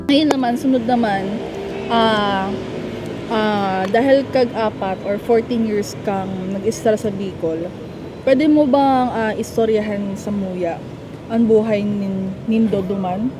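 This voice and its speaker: A woman's voice: medium pitch, slow. A Filipino woman co-hosting a casual mukbang chat and asking questions. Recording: clearly noisy background hum and traffic.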